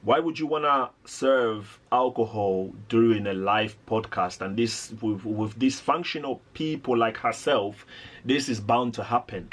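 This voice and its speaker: A man's voice: mid-range voice, measured pace, fairly bright tone, a little hiss or hum. A man hosting a reaction video, giving indignant, rambling commentary with lots of restarts.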